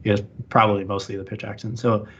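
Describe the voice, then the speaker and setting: Talking fast with little pitch movement, a podcast interview guest rambles casually and fills his speech with "like." His voice is on the low side with a breathy edge, captured in muffled, lo-fi audio.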